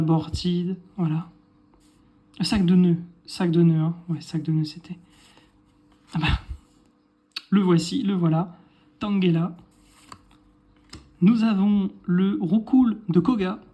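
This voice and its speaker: Mellow-voiced man chatting through an unboxing. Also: high-pitched. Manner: chatty, thinks aloud, corrects himself. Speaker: card collector showing a purchase. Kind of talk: casual unboxing video.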